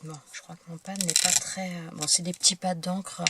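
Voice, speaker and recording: A woman's voice: on the low side, flat delivery, moderate pace. A woman hosting a craft tutorial, talking casually with many fillers and restarts as she works. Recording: noticeable background noise with clicks. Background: noise and clicking sounds.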